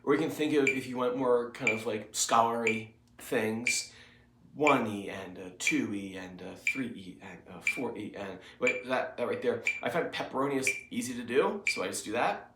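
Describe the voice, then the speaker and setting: A man with a cold gives a student a casual guitar lesson, recorded in his home music studio, sounding congested as he rambles through filler-filled explanations. His medium-pitched voice moves at a moderate pace, and the roomy sound carries a noisy background.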